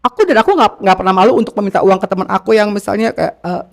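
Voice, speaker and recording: A man's voice: sits high, lively intonation, racing, gravelly. A man from Jakarta talking as an interview guest, slangy and rambling, repeating his phrases as he talks with feeling. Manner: slangy informal speech. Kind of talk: casual confessional interview talk.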